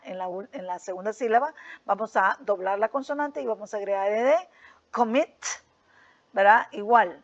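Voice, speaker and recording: A woman teacher with a somewhat high voice explains grammar rules patiently, checking often that the students follow. The recording sounds dull and lo-fi. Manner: patient, repeats with frequent "¿verdad?" and "¿ok?" checks. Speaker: English teacher. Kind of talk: explaining a lesson step by step.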